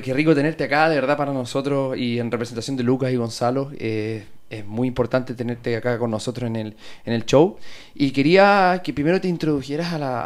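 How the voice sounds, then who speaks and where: A man hosting a podcast, asking questions in a friendly, enthusiastic, chatty way, recorded in a hotel room. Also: mid-range voice. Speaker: podcast host. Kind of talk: casual podcast interview. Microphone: portable recording kit.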